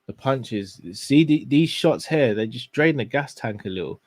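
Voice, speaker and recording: A man's voice: mid-range voice, expressive, moderate pace, a little mellow, dry recording. A man co-hosting a live fight watchalong, analysing the action and calling out tactical advice to the fighters. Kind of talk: casual live fight commentary.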